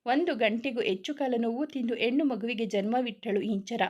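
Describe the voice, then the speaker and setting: A woman storyteller narrating a romance serial aloud, reading in a steady, even pace. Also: a little high, moderate pace.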